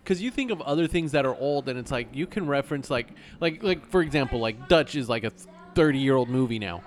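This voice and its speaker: A man's voice: mid-range voice, lively intonation, fairly quick. A man co-hosting a casual movie chat, rambling as he circles around his point.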